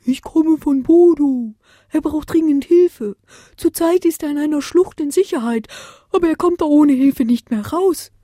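A woman's voice: high-pitched, measured pace, mellow, dry recording, studio quality, voice pushed up. A woman voicing an owl messenger that talks in an urgent, insistent way.

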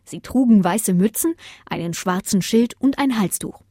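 A woman narrating a children's storybook in a calm, even way. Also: mid-range voice, moderate pace, dry recording, clean studio sound. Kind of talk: storybook reading.

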